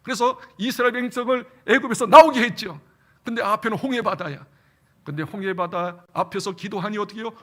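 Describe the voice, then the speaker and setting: A pastor preaching a sermon in an animated way. He fires questions at the congregation and calls for amens. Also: high-pitched, fairly quick. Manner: animated, asks the congregation questions and answers them. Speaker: senior pastor. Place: church sanctuary.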